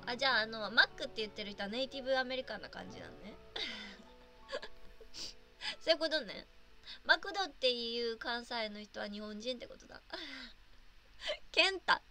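A woman's voice: on the high side, expressive, moderate pace, pauses often, sharp tone. A young woman from Japan chatting casually on a livestream, reading viewer comments and giggling often.

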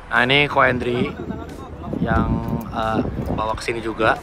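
At an outdoor car meetup, a car vlogger with a Jakarta accent offers casual, enthusiastic commentary peppered with slang and English car terms. He speaks at a measured pace with medium pitch and fairly even intonation, while heavy background noise and loud music fill the outdoor recording.

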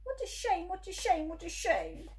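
A woman voicing a playful, carefree male cat in a storybook, with a showy, coaxing, drawn-out delivery. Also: very high voice, wildly swooping pitch, pitched above the performer's own voice, heavily acted. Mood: disappointed.

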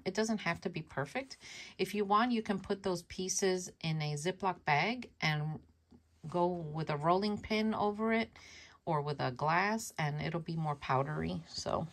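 Her voice sits lowish and moves at a measured pace. This woman, a Spanish-first-language host of a worm composting channel, presents a casual home vlog, showing her bin, chatting, laughing at herself and repeating words.

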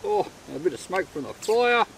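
Chatting casually to camera while he camps and fishes on a riverbank at night, a middle-aged Australian outdoor vlogger offers relaxed, talkative, self-amused camp narration. His high-pitched voice is very animated and fairly quick, with vocal fry and a fairly bright tone. The distant camera mic also catches outdoor night noise.

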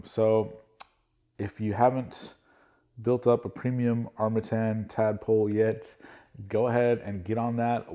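A man's voice: lowish voice, warm tone. A man in his thirties in a product review vlog, talking eagerly in a casual hobbyist way with many fillers. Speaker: drone reviewer. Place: indoor studio against a plain backdrop.

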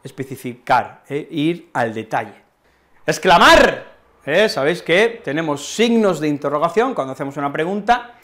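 A man's voice: on the high side, big pitch swings, normal speed, fairly bright tone. A man teaching an online Spanish lesson with an accent from Spain, explaining patiently and checking in with his students through frequent tag questions.

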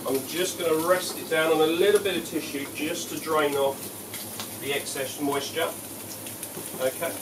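A man in his forties, a head chef, talking through a cooking demonstration in a relaxed, explanatory way with frequent fillers. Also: a little high, moderate pace. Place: large restaurant kitchen. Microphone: camera mic from a few feet away. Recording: echoey kitchen, distant mic, loud kitchen noise. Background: sizzling pans and kitchen clatter.

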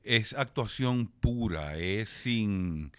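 A man's voice: lowish voice, lively intonation, drawn-out words, fairly bright tone, smooth, dry recording. A Puerto Rican man who is an actor, talking as a guest in a studio podcast, reflective and dropping in some English words. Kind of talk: casual interview chat.

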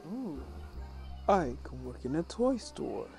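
A woman's voice: very animated, vocal fry, a little mellow, full character voice. A woman voicing a big, weary, kind male polar bear Santa in a storybook. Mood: musing, eager. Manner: slow, put-on deep storybook voice. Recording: music behind the voice.

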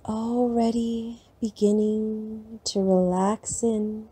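A woman leading a guided sleep meditation in a slow, soft, soothing way with long pauses. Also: a little high, little pitch movement, husky, faint music behind.

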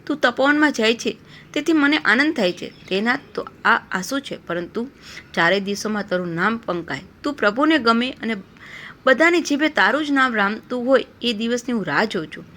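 A woman's voice: on the high side, expressive, moderate pace, sharp tone. A woman voicing a poor, devoted mother who speaks tenderly and consolingly to her son in a storybook tale.

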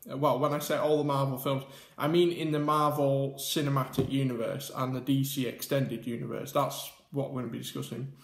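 A man's voice: medium pitch, level tone, a little fast, creaky, hardly any pauses, reverberant. A man hosting a casual mukbang vlog, chatting and rambling with many ums as he eats at a table. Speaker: YouTube host. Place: indoor room at a table. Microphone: camera mic with face cam and top camera.

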